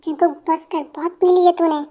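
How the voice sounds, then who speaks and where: A woman's voice: extremely high pitch, little pitch movement, fairly quick, warm tone. A woman dubbing a caring male best friend who scolds and pleads firmly. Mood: concerned. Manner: firm, pleading. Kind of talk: fan dubbing.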